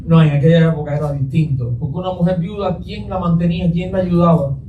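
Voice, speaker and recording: Male pastor preaching, questioning his congregation; higher voice, reverberant room. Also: steady tone, fast talker, far from the mic, narrow, tinny audio, a little hiss or hum. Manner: asks the congregation questions and answers them. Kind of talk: Sunday sermon. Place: church sanctuary.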